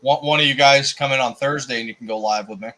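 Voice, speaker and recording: A man's voice: mid-range voice, quick pace, sharp tone, rough recording. A man hosting a casual chat, telling a story with animation and laughing at himself.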